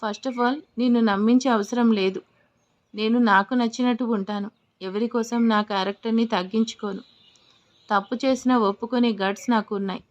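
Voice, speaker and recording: A woman's voice: fairly high pitch, fairly even intonation, a little fast, dull audio, close to an everyday voice. A woman voicing a young husband in an audio story, teasing in banter and stern when he lectures.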